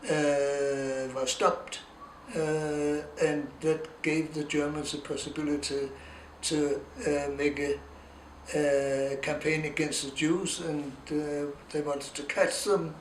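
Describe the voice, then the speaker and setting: A Danish man in his eighties with a Danish accent, giving a halting oral history account full of pauses and restarts. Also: on the high side, flat delivery, reverberant, a little hiss or hum, low-quality recording. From Denmark. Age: 80s. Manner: halting, with many ums and restarts. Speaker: interviewee.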